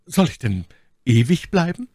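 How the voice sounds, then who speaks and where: A man voicing a scheming, cornered noblewoman in an audiobook reading, with shrill, indignant outbursts. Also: big pitch swings, unhurried, a little mellow, no echo, studio quality. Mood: startled. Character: scheming, cornered noble woman, haughty and fierce.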